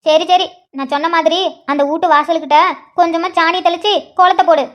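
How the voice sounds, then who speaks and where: A woman's voice: extremely high pitch, steady tone, brisk, lo-fi sound. A woman voicing a preachy village mother who scolds her grown daughter. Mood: nagging. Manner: nagging, preachy.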